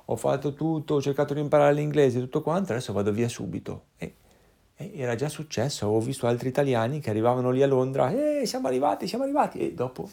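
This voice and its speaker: A man telling his child a story from his own life, acting out sounds and voices with lively energy. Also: mid-range voice, quick pace, creaky. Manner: animated, acts out voices and sounds.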